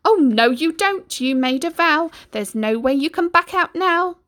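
A woman voicing a shrill, pushy ugly stepsister who gloats. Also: animated, unhurried, a bit bright. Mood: insistent.

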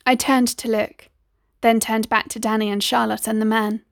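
A woman narrates a first-person story for an audiobook, reading in a measured, deliberate way. Her voice is fairly high with a gravelly, creaky edge, and the sound is dry and close. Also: flat delivery, no room sound.

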